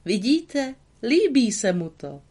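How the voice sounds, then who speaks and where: A woman's voice: a little high, breathy edge, voice pushed up. Kind old toymaker guy full of glee, storybook read-aloud, lady doing the voice. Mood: cheerful. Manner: excited exclamations. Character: kindly elderly male woodcarver, joyful. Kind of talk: storybook reading.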